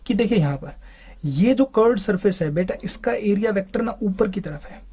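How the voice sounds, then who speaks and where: A man's voice: high-pitched, lively intonation, moderate pace, warm tone, slightly rough. A man teaching a physics class, asking his students questions and then answering them himself. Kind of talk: classroom lecture.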